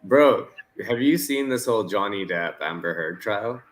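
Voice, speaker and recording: A man's voice: lowish voice, normal speed, soft background music, rough recording. A Canadian man co-hosting a football watchalong in casual chat, ranting and swearing freely. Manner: profane, ranting, animated.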